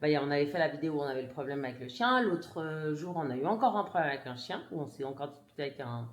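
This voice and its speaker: A woman with a fairly low voice tells her vlog audience a family story. She talks emphatically, full of indignation, with restarts and blunt words. Her voice carries a roomy echo. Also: animated, rapid-fire, a little hiss or hum. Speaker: family vlogger and mother. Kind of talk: casual storytelling to camera.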